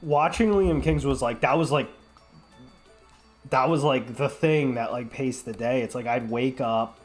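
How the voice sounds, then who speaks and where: A young man who is sick, rambling through casual stream chat with lots of filler words and swearing. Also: medium pitch. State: sick, congested.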